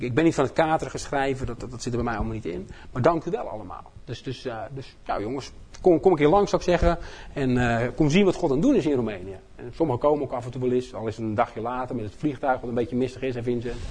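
A man with a Dutch accent from the Netherlands preaches informally to a congregation in a folksy, joking, animated way, often repeating words as he goes. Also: medium pitch, fast, husky. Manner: folksy, joking, self-deprecating. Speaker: missionary speaker preaching at his home church.

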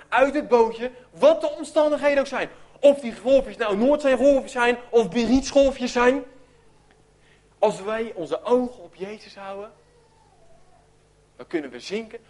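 A man preaching a sermon, telling a story with great animation and acting out its voices, sometimes dropping to a hush. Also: very high voice. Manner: animated storytelling, acts out voices, drops to near whisper.

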